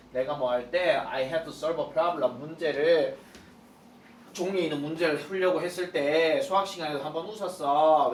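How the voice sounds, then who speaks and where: A man's voice: on the high side, a bit bright, recorded from a distance, a little hiss or hum. Korean-speaking male teacher in an echoey room. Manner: explains slowly, mixes Korean with read-out English phrases. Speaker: high school English teacher. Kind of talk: textbook lesson explanation.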